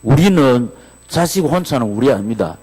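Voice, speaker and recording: A pastor delivers a sermon, and his pitch swings widely as he climbs into fervent shouts. His voice rings out with a long reverb from the church sanctuary. He is a man of middle pitch who preaches with rising bursts of praise. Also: expressive, normal speed, breathy edge. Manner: rises to shouted exclamations of praise.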